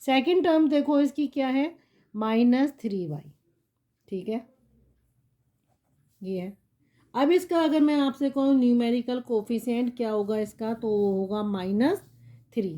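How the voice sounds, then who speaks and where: A woman's voice: on the high side, measured pace, pauses often, warm tone. A woman teaching a maths lesson step by step, often asking rhetorical questions and checking in with "theek hai".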